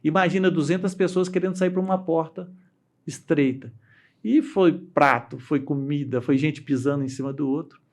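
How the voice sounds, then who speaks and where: A middle-aged Brazilian dam engineer, speaking with a Brazilian Portuguese accent in a little-high voice, shares stories during a casual interview. His delivery is halting and heavy with restarts and fillers, and he mimics the people he quotes.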